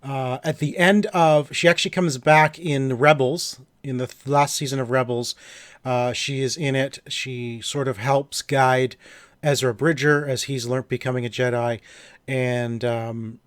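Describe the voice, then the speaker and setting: A man's voice: mid-range voice, fairly even intonation, unhurried, no echo. A man co-hosting a podcast, chatting casually and enthusiastically, with many fillers and restarts. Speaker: podcast co-host. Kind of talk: casual chat.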